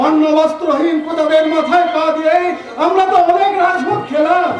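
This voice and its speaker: Man acting a high-voiced defiant landlord, echoing stage. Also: fairly even intonation, fairly quick. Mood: resolute. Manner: resolute, proclaiming. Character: principled defiant young landlord, loyal to his subjects. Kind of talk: loud declamatory Bengali jatra stage acting. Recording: very echoey stage, distant microphone.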